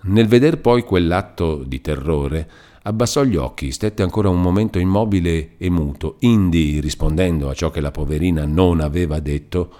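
A man reading a classic novel aloud as an audiobook narrator, measured and expressive. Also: low-pitched.

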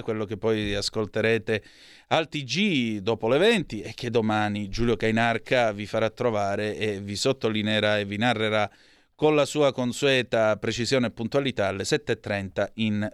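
Clear-voiced man hosting radio news. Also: fairly low pitch, a bit bright, no echo, studio quality. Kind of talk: live press review, reading and commenting on headlines.

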